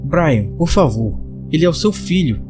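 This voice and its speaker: A man voicing a timid, worn-down mother who pleads softly, with faint music behind. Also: on the high side, very animated, normal speed. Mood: meek. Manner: soft, pleading.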